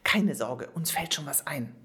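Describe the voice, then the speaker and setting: A woman's voice: low-pitched, lively intonation, unhurried, pushed and bright, full character voice. A woman voicing a practical, decisive schoolboy in a storybook reading. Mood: brisk.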